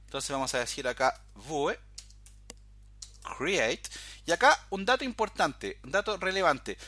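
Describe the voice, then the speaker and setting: A man with a fairly high, sharp voice and big pitch swings speaks at a measured pace. He teaches a screen-recorded coding tutorial, explaining the steps one by one and often calling attention to details with "fíjate."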